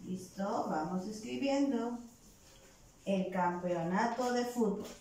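Slow, patient woman teacher, echoey room. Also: medium pitch, darkish tone, recorded from a distance, slight background noise. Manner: slow, patient, syllable-by-syllable dictation. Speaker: primary school teacher. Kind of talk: virtual class dictation. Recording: echoey room, voice away from the mic.

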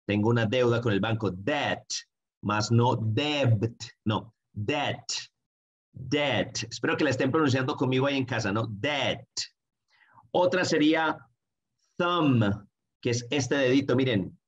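A man whose first language is Spanish, teaching English pronunciation online in a friendly way and repeating each word slowly. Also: medium pitch, dull audio. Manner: friendly, slow repetitive drilling of words.

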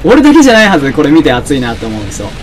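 A young man giving excitable let's-play commentary, often shouting and laughing at the action. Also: fairly high pitch, racing, soft background music. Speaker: game commentator.

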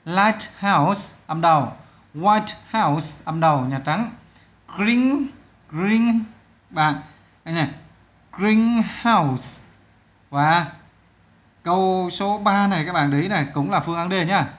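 Male teacher, Vietnamese accent, higher-pitched, loose and chatty, drags out words to show stress. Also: fairly bright tone. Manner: chatty, many fillers, stretches words slowly to model stress. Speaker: English teacher. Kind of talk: casual exam walkthrough lesson.

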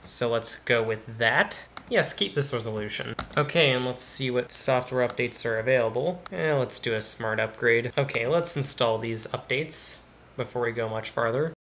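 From a bedroom studio backed by computer screens, a young man narrates a screen-recorded tech tutorial at a moderate pace, casually describing each step of a computer install as he completes it. His voice is medium-pitched and fairly bright, with a bit of hiss or hum in the audio.

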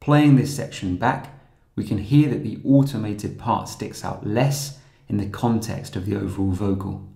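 A man narrating a scripted software tutorial in a calm, steady, explanatory way. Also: fairly low pitch, normal speed, gravelly, reverberant.

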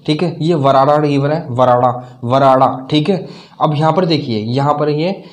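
A man from North India teaching a map lesson, halting over names and asking and answering his own questions. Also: a little high. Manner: halting, repeats names, asks and answers himself.

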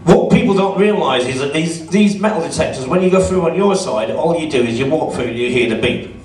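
Sarcastic middle-aged comic on stage. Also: male voice, fairly high pitch, animated, fairly quick, darkish tone. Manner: chatty, sarcastic, teasing the crowd. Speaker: stand-up comedian. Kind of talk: stand-up comedy set. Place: comedy club stage. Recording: roomy audio from a distance.

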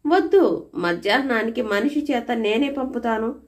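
A woman's voice: a little high, moderate pace, natural voice. A woman doing a shrewd wise male minister. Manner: calm, persuasive, stern when warning.

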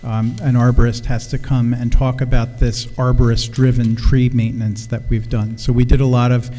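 A man's voice: mid-range voice, flat delivery, moderate pace, dark tone. A middle-aged man, a city official, introducing a presenter at a council meeting in a plain, businesslike way. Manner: plain, a few ums, businesslike. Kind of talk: meeting remarks. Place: council chamber. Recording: reverberant council chamber.

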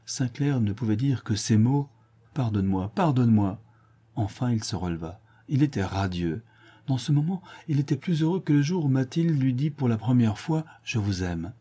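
A man reading a classic novel aloud as audiobook narration, measured and expressive. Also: mid-range voice, breathy edge. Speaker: audiobook reader. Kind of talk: scripted literary narration.

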